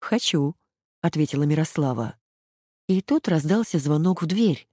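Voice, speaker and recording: A woman narrating an audiobook in an even, measured reading. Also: sits low, no echo, clean studio sound.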